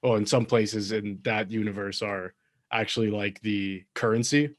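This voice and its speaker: A man's voice: on the low side, steady tone, normal speed. A man co-hosting a podcast, chatting casually and thinking aloud with many fillers. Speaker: podcast co-host. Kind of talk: casual chat.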